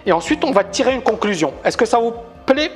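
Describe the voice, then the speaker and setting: Animated man analyzing stocks live. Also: very high voice, a little fast, soft background music. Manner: talks to viewers, asks many questions; animated, emphatic. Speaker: trading educator. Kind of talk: live-stream market analysis.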